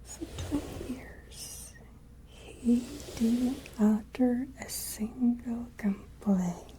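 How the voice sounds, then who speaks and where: A woman playing a haughty, menacing, ageless vampire lady of a castle in a whispered ASMR roleplay, with deliberate, imperious delivery. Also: a little high, warm tone, low-quality recording. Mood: cold, wistful menace.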